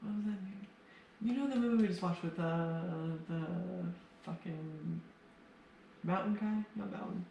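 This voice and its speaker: A woman's voice: on the low side, a little slow, creaky, mellow, dull audio. A tipsy woman getting drunker as she banters about films, blunt and sweary, muddling her words and arguing casually. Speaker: co-host of a movie review show. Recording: roomy, distant mic with background noise.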